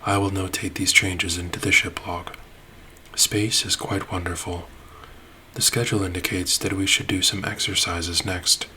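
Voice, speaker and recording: A man narrating a space-ship ASMR roleplay in a soft, soothing voice that drops into whispers. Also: low-pitched, flat delivery, normal speed, a little hiss or hum, low-quality recording.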